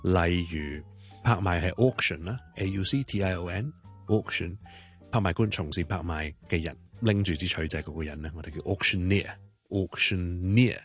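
A radio English tutor with a notably deep male voice. He talks listeners through word stress, patiently spelling each word letter by letter. Soft music runs faintly beneath him. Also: normal speed, husky. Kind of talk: short radio English lesson. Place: radio studio.

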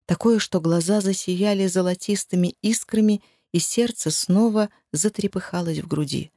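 Expressive woman narrating an audiobook. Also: lowish voice, moderate pace, no echo, clean studio sound. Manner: expressive, emotional reading. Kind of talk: first-person audiobook narration.

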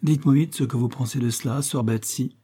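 A man's voice: medium pitch, fairly even intonation, brisk, dark tone, breathy edge, natural voice. Man voicing a pleading, pushy matron. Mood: wheedling. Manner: pleading, insistent, dramatic. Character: wheedling, pushy middle-aged matron.

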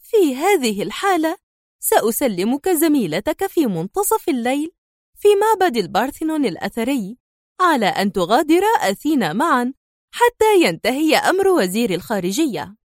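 A woman voicing a scheming female enemy agent in an audiobook, speaking in a sharp, mocking, defiant way. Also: on the high side, sing-song, normal speed, no echo, clean studio sound. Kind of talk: audiobook character voice.

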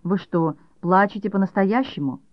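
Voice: mid-range voice, normal speed, dry recording, highs cut off, lightly acted. An audiobook reader voicing a doting, clingy mother who gushes and pleads with her young sons. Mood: gushing. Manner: gushing, pleading, theatrical. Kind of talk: audiobook character voice.

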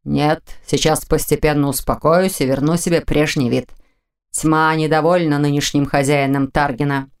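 A woman voicing a male dark mage in dragon form, speaking low, growly and commanding. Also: fairly even intonation, moderate pace, smooth. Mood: calm commanding. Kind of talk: audiobook character voicing.

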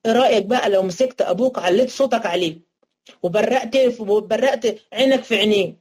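A woman's voice: fairly high pitch, quick pace, a little mellow, slightly rough. A woman with an Egyptian accent teaching a jurisprudence class, explaining terms step by step and answering her own questions. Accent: Egyptian Arabic. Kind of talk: interactive religious studies lesson. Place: online class recording.

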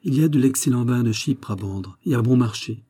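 A man's voice: mid-range voice, brisk, warm tone, slightly rough, close to an everyday voice. A man voicing a pushy, scheming young brother who talks in an eager, wheedling way.

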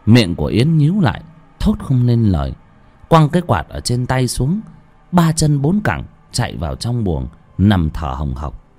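A man narrating a horror story in a dramatic, expressive way. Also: medium pitch, normal speed.

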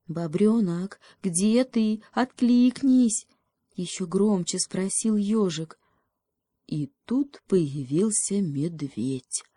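A woman reads a fairy tale aloud in a calm, very slow storytelling manner. Her voice is somewhat low and mellow. The recording is close and dry. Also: dry recording. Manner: calm, unhurried reading. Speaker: audiobook reader. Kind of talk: storybook narration.

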